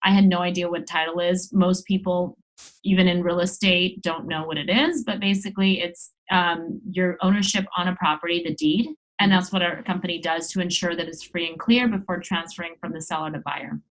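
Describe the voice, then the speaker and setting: A travel blogger in her mid-thirties from Los Angeles talks candidly and at length as a guest in a casual interview. Her American-accented voice is fairly low, with fairly even intonation and a slightly fast pace. The recording is rough.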